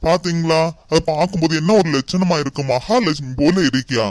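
Guy doing a sincere cartoon groom, slightly high voice, dry close sound. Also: a little fast, no room sound, close to an everyday voice. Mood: earnest. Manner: pleading, sincere. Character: earnest young bridegroom.

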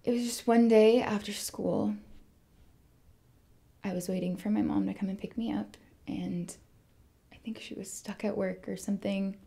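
An actress playing a shaken young female student, talking haltingly and often dropping to a whisper. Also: mid-range voice, fairly even intonation, creaky, mellow, breathy edge. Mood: hushed, hesitant. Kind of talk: short film acting.

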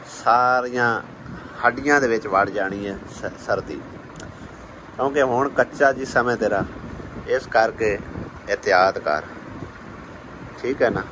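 Lecturing man on a noisy street. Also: medium pitch. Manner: lecturing, keeps asking if she understood. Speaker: vlogger husband. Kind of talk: casual family vlog talk. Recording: noisy outdoor recording with wind.

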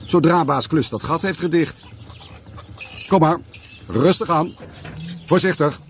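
A man voicing a friendly, calm male village postman who talks reassuringly in a cartoon. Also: on the high side, measured pace, slight background noise.

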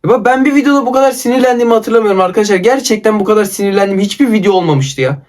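A man narrates his own mobile football match over the gameplay, his voice sitting high for a man. He fires off player names in short bursts and rants in exasperation at his opponent's play. His frustration spills into swearing and complaints. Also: rapid-fire, darkish tone. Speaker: mobile football gaming YouTuber. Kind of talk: live gameplay commentary.

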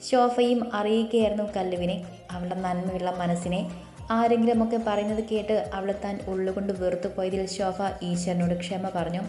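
A woman narrating a story in a calm, even storytelling voice. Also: medium pitch. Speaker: audiobook narrator. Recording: roomy echo with faint music.

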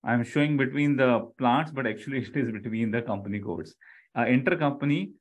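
The audio sounds phone-quality as a middle-aged Indian-accented man gives a live lecture over the internet, speaking a little fast with a breathy edge. Pitched at an average level, he restates key phrases and regularly confirms his listeners are with him.

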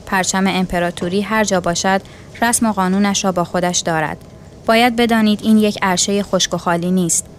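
A woman's voice: medium pitch, steady tone, slight background noise, close to an everyday voice. Stern male sea captain voiced by a woman narrator, dignified and immovable; storybook reading. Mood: firm. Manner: firm, dignified, unyielding.

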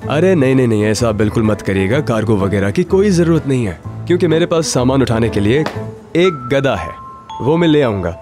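A man's voice: medium pitch, big pitch swings, a little fast, over music, lightly acted. Fields: a man playing a hot-tempered villain boss. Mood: scheming. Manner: bossy, short-tempered, threatening. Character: brash obsessed male villain boss, lovesick for Nazli. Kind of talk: Urdu dub of a TV drama.

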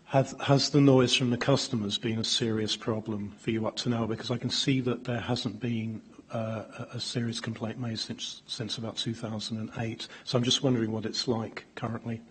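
A middle-aged man asking questions as a councillor at a public meeting, halting and repeating his words. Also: mid-range voice, flat delivery, fairly bright tone. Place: council meeting chamber, indoors. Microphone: gooseneck desk microphone. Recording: faintly noisy meeting room pickup.

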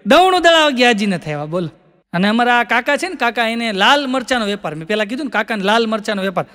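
A high-pitched, bright Gujarati man spins folksy comic tales on stage. He voices both sides of every joke and repeats lines for effect. A long reverb hangs behind his voice. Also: animated, quick pace. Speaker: stand-up comic.

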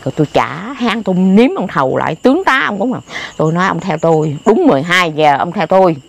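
An older woman with a Southern Vietnamese accent telling stories in a casual, animated and exclamatory way, often repeating herself, recorded outdoors. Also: lowish voice, fast, vocal fry. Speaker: interviewee. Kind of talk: casual storytelling. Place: outdoors by graves at night.

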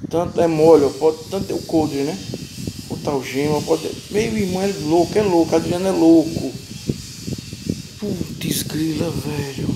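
A Brazilian man with a Brazilian Portuguese accent, vlogging an unedited unboxing in an excitable, chatty way, exclaiming often and muttering while he works. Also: fairly high pitch, brisk, background noise. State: moved, close to tears. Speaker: YouTube vlogger unboxing a fan's gift. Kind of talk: casual unedited unboxing vlog. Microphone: handheld phone or camera, shaky.

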